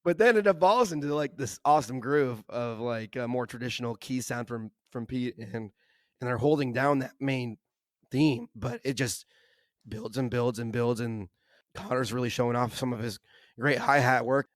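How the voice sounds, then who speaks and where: A hoarse man with laryngitis, co-hosting a podcast in casual, enthusiastic chat full of "like" and "kinda". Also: medium pitch, moderate pace, dry recording, clean studio sound. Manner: enthusiastic, uses lots of "like" and "kinda". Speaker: podcast co-host.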